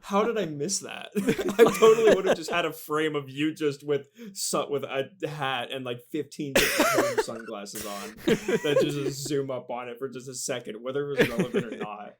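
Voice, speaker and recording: A young man talking as a guest editor on a casual podcast, hesitant and stumbling over his words, quick to poke fun at himself. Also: medium pitch, very animated, heavy background noise. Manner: hesitant, stumbling restarts, self-deprecating.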